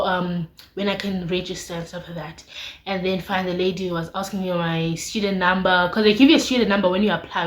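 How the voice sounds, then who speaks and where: A young woman with a South African accent, chatting casually and expressively to viewers in an informal, slangy confessional vlog. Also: mid-range voice. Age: late teens, young adult. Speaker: vlogger. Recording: echoey, roomy sound.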